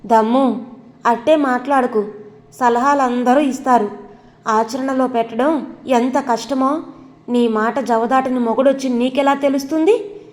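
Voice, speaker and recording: A woman voicing a proud, quarrelsome young wife who bursts out in shrill, tearful accusations. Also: fairly even intonation, unhurried, pauses often, darkish tone, big-room sound. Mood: indignant. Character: proud angry young wife, quick to fight.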